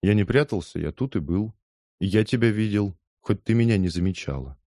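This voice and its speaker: A man's voice: on the low side, expressive, a little fast, mellow, no room sound, clean studio sound. A man voicing a shy, lovesick young working man who mumbles bashfully.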